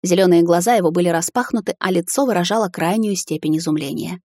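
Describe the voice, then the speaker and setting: A woman reading a fantasy novel aloud in a measured, expressive narration. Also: lowish voice, dry recording, studio quality. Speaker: audiobook narrator.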